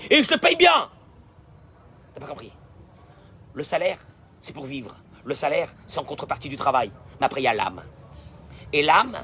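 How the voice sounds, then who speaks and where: A male rabbi preaching a sermon, emphatic and repetitive, swinging between loud declarations and hushed asides. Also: a little high, slight background noise.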